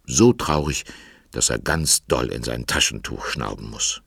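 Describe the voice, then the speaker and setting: A man with an extremely deep, gravelly voice narrates a children's audio drama in a gentle storytelling way. His tone is husky, and it sounds close and dry, with no room around it. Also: animated, a little slow, no echo.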